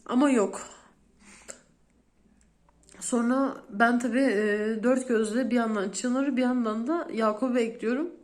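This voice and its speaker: A woman's voice: a little high, steady tone, measured pace, pauses often, darkish tone. A woman in her thirties, a vlogger speaking straight to her viewers as she retells a frightening day in detail. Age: 30s. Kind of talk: emotional storytelling to viewers.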